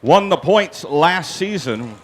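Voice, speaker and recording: A man's voice: on the high side, lively intonation, slow. A man working as a tractor pull announcer, calling hooks and standings live.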